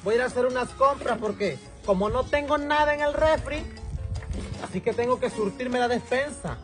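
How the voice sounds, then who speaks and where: A man's voice: very high-pitched, moderate pace, music in the background. A man playing Doña Godoleva, a brash, bossy village mother with a Mexican coastal accent, in a comedy sketch. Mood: nagging. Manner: scolding, loud and exasperated.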